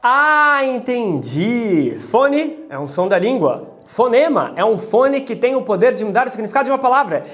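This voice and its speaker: A woman's voice: a little high, big pitch swings, normal speed, few pauses. A Brazilian woman with a Brazilian Portuguese accent, teaching pronunciation in a playful video lesson full of jokey asides and repeated drills.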